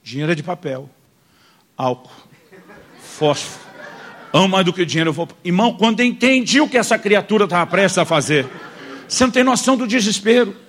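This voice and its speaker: A man's voice: high voice, brisk, long pauses. A Brazilian man, a pastor, telling a vivid story in a sermon, calling listeners "brother" and acting out the people he quotes. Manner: animated storyteller, addresses listeners as "irmão", acts out quotes.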